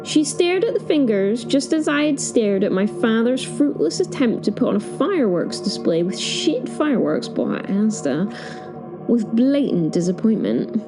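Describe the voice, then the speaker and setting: With music in the background, a woman with a slightly high, very animated voice plays a wry, awed witness. She narrates a horror audio drama in the first person, using suspenseful pauses.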